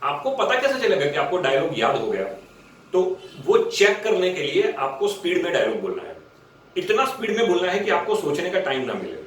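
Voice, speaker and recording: A man with a somewhat raised pitch teaching acting in a relaxed, conversational way. He explains step by step and sometimes drags out syllables to demonstrate. He is recorded from a distance in a very echoey room with faint background noise. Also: moderate pace. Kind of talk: casual instructional talk.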